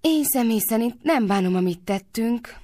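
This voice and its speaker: A woman voicing a gentle, melancholy young girl in a storybook reading, soft-spoken and wistful. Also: on the high side, lively intonation, no echo, clean studio sound, pitched above the performer's own voice.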